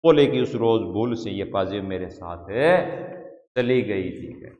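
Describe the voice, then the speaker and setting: A man's voice: fairly low pitch, takes it slowly, mellow. A male Hindi teacher with a Rajasthani accent, reading a story aloud to his class and stopping to explain words to the students. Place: school classroom. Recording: echoey classroom, dull lo-fi sound.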